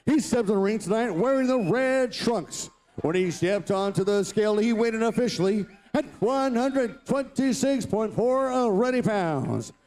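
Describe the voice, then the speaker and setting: A man working as a ring announcer, giving formal, theatrical fight introductions in a lucha libre announcer manner with drawn-out words and names. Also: sits high, expressive, a little mellow. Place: boxing ring in a large indoor venue.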